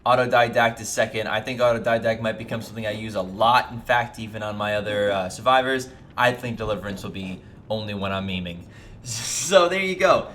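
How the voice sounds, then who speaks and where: A man's voice: fairly low pitch, steady tone, fast, few pauses, fairly bright tone, a little hiss or hum. A man giving casual, chatty gameplay commentary to his video viewers, upbeat and talking straight to them. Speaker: gaming video creator.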